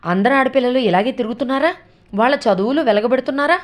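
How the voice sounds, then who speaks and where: Woman voicing a scolding old grandmother, sharp-tongued, raised and higher voice, storytelling. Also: fast talker, close to an everyday voice.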